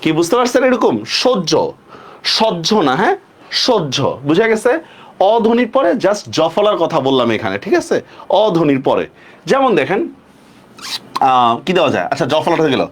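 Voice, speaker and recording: Man, online class teacher, high voice, keeps checking if students understand. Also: very animated, brisk, a little hiss or hum. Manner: repeats questions to students, checks understanding often. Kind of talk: live online class lesson.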